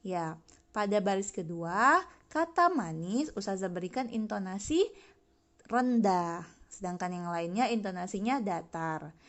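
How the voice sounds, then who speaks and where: A woman's voice: medium pitch, animated, a little slow. A young woman teaching an online lesson to children, cheerfully asking questions and answering them herself. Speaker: religious school teacher.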